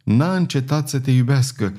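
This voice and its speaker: A man's voice: mid-range voice, lively intonation, mellow, pitched above the performer's own voice, natural voice. A man voicing a scheming, commanding noblewoman who persuades with insistence and authority in an audiobook reading. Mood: insistent.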